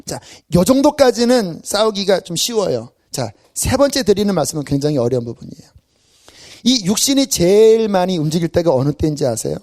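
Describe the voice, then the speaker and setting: High-voiced pastor preaching animatedly. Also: male voice, brisk. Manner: animated, acts out everyday scenes; self-deprecating humor. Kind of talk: Friday evening sermon. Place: church sanctuary.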